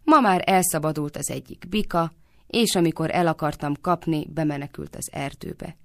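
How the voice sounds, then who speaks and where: A woman voicing a young cowherd husband who complains and is slow to catch on. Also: deep voice, dry recording, clean studio sound. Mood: grumbling. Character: dim-witted young cowherd husband, grumbling.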